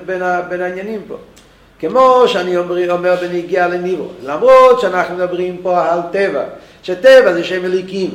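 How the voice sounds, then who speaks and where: Man, Torah teacher, high voice, roomy echo, halting restarts. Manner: thinks aloud with many restarts.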